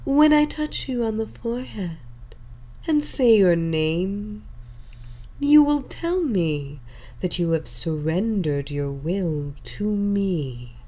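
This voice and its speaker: A woman plays a seductive female hypnotist in an audio story, possessive and in command. Her sultry, hypnotic voice lingers on every word at a very slow pace. She repeats her commands again and again, pulling the listener under. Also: medium pitch, expressive, warm tone.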